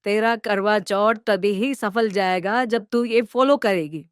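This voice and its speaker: A woman's voice: mid-range voice, a little slow, clear, resonant tone, dry recording, studio quality, natural voice. A woman voicing a bossy greedy mother-in-law. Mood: demanding. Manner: bossy, nagging, demanding. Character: greedy scheming middle-aged mother-in-law. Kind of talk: cartoon voice acting.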